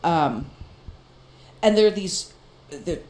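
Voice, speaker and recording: A woman co-hosting a casual chat, telling a story in an animated way and laughing often. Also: fairly low pitch, takes it slowly, echoey room. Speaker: podcast co-host.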